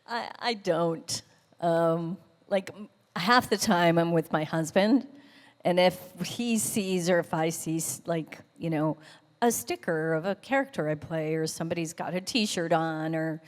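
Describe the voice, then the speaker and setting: A woman's voice: fairly low pitch, a little slow. A female voice actor chatting with fans on a convention panel, casual and self-deprecating. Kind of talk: live convention panel answers. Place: large convention hall. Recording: echoey convention hall.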